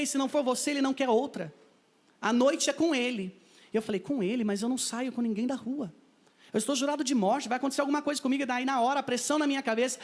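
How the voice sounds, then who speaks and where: A man with a Brazilian accent giving a personal testimony in a parish church, telling his story vividly and acting out the dialogue. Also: very high-pitched.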